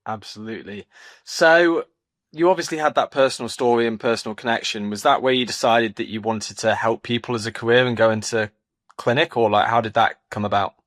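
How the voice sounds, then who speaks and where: Guy hosting a podcast, eager upbeat questions, mid-pitch voice. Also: fairly even intonation, a little fast, a bit bright, no room sound, studio quality. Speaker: podcast host. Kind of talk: scripted intro, then interview questions.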